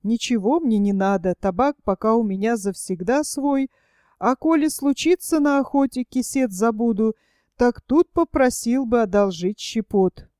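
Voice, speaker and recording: A woman's voice: fairly high pitch, moderate pace, dark tone, clear, resonant tone, no echo, clean studio sound, natural voice. A woman voicing a cheerful young male hunter who jokes and teases, in an audiobook. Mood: teasing. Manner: joking, easygoing.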